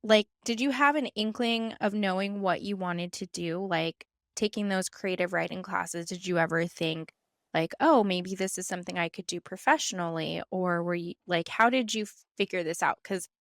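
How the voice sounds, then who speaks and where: Gravelly-voiced woman asking interview questions. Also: lowish voice, steady tone, normal speed, dry recording, studio quality. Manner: asks long, rambling questions. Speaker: podcast co-host, interviewer. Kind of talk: casual conversational interview.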